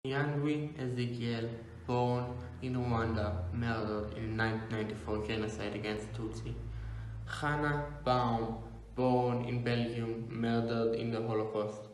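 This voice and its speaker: A young man from South Africa reads memorial names one after another in a solemn, measured way. His delivery stays flat and steady. The room around him gives an echo. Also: medium pitch, a little hiss or hum. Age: young adult. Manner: measured, even recitation. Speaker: memorial reader. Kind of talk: solemn reading of victims' names. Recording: echoey room.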